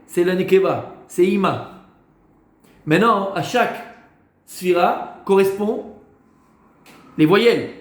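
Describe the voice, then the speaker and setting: A rabbi teaching a Torah class to students, posing questions and answering them himself, with hesitant fillers and repeated words. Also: male voice, high-pitched, slow pace, long pauses, echoey room.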